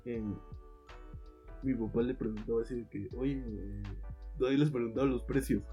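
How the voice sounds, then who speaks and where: A young Mexican man spins a long story in loose, slangy casual chat. His voice is dark and mellow, and he slips into the voices of the people he quotes. Faint music sits underneath. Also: medium pitch, fairly even intonation, normal speed, low-quality recording. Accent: Mexican Spanish. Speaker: podcast co-host telling a story.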